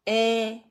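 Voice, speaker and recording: A woman hosting a casual live stream, greeting viewers one by one, repeating herself and laughing often between lines.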